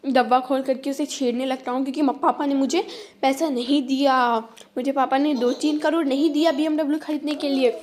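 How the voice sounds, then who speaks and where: A woman's voice: high-pitched, steady tone, fairly quick, a little mellow, natural voice. A woman voicing a mischievous, boastful little boy, narrating his day in a playful sing-song way with lots of repetition.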